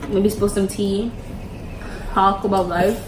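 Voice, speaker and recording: A teenage girl chatting casually and giggling while eating, talking in an animated way. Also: mid-range voice, slow pace, reverberant, noisy background. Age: teens. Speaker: vlogger. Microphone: tabletop microphone.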